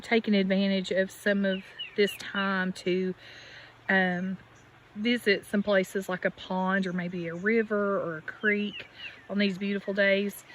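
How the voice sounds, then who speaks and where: Outdoors by a farm pond, a woman reads aloud to young children as their teacher, speaking to them directly in an instructive way. Her voice is mid-range and a bit bright. The recording picks up nature noise, including a running creek and animal sounds.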